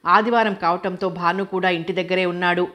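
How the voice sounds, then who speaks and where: Low, steady woman narrating a novel. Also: brisk. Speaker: audiobook narrator.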